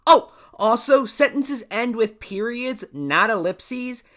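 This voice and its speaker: A man's voice: very high voice, animated, slow, pushed and bright. Sarcastic man critiquing a video. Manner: sarcastic, nitpicking and exasperated. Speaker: commentary host.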